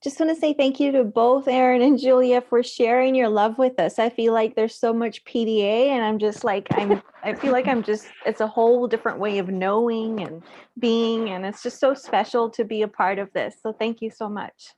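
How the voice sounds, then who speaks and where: A woman's voice: fairly high pitch, fairly even intonation, moderate pace, a little mellow. A woman, a guest reader at a book launch on a video call, gushing and rambling a little. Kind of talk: casual chat.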